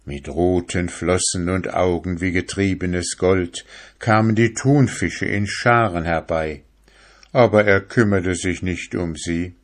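A man narrating a fairy tale in a calm, measured reading style. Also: sits low.

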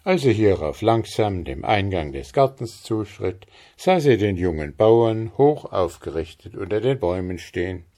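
A man narrating a fairy tale in a calm, measured storytelling voice. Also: on the low side.

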